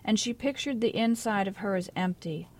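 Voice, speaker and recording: A woman author giving a measured, quiet literary reading of her own short story in a radio studio. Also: mid-range voice.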